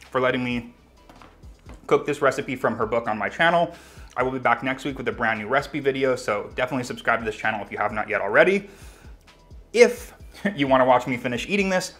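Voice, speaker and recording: A man's voice: mid-range voice, fairly bright tone. A man hosting a home cooking video, talking casually to viewers and tasting his food as he goes, with frequent small self-corrections. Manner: chatty, eating while talking, self-correcting. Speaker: cooking channel host. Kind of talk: casual cooking vlog talk.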